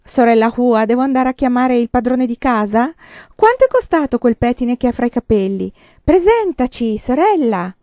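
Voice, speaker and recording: A woman voicing a crowd of nosy village women, raising her voice into shrill, clamoring questions. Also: big pitch swings, normal speed, hardly any pauses, dark tone, no echo, muffled recording. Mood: eager, clamoring.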